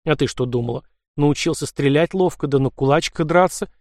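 A man's voice: fairly high pitch, a little fast, a little mellow, dry recording, studio quality, natural voice. A man reading the part of a blunt, plain-spoken young Cossack man in an audiobook. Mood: scolding.

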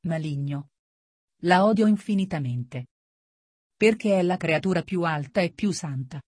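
A woman reading an audiobook, voicing the devil as a contemptuous, hateful male spirit in a low, muted, seething voice. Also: expressive, unhurried, darkish tone, no echo, studio quality.

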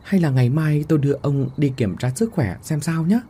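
Worried old wife, pleading, fretful, raised pitch, man doing the voice, horror storybook. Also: animated, brisk, dark tone, slightly rough.

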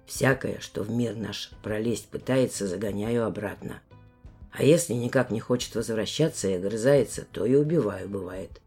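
A woman voicing a weary, fatherly male border guardian who explains things slowly and gently, in a deep, quiet voice. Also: breathy edge, faint music behind, full character voice. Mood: gentle. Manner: slow, measured explaining.

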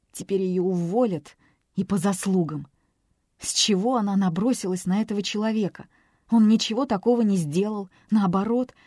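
A woman narrating an audiobook in a measured, expressive reading voice. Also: medium pitch, dry recording, studio quality. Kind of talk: scripted narration.

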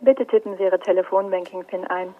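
A woman's voice: mid-range voice, fairly even intonation, brisk, close to an everyday voice. A woman playing a courteous, procedural bank agent with a formal customer service voice over the telephone. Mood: polite, procedural. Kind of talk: scripted customer service voice on a phone line. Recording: telephone line sound.

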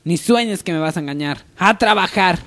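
In a parody radio soap, a man plays a stern, domineering coffee company boss, imperious and melodramatic, angrily scolding. He pitches his voice above his natural one, so it sits high and a bit bright, at a moderate pace.

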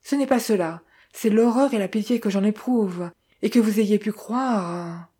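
Anguished young woman in an audiobook, read by a woman, husky, mellow. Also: mid-range voice, unhurried. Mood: distraught.

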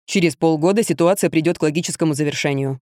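A woman's voice: low-pitched, quick pace, darkish tone, dry recording, studio quality, pitched below the performer's own voice, natural voice. Woman doing a cool, curt young trainer. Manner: cool, curt, matter-of-fact. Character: calm, blunt young male fitness trainer.

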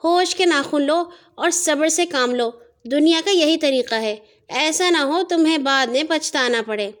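Woman playing a soft-spoken key who lectures kindly, very high voice, kids' audio tale. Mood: coaxing. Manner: soft, patient, explaining. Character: patient, wise female key who lectures gently. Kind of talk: children's audio story.

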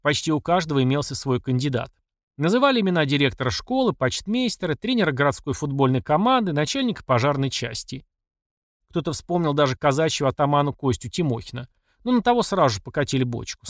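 Male audiobook narrator, animated delivery, slightly high voice, dry close mic. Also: quick pace, dry recording. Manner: expressive, lively storytelling. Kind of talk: scripted narration.

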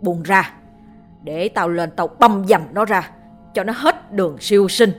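A woman voicing a fierce, hot-tempered old father who shouts in fury, reading a ghost story with faint music behind. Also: mid-range voice, a little slow, close to an everyday voice. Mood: outraged. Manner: shouting, furious.

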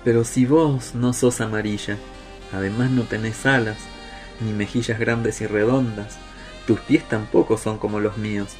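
A man's voice: lowish voice, fairly even intonation, a little slow, faint music behind, close to an everyday voice. A man voicing a tiny, lonely baby bird looking for its mother in a children's story. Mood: doubtful. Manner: pleading, tearful.

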